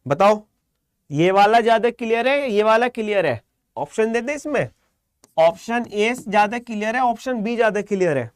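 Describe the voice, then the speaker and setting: A man teaching a live online shorthand class, calm and encouraging, quizzing students by name. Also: high voice, moderate pace, clean tone, dry recording, clean studio sound.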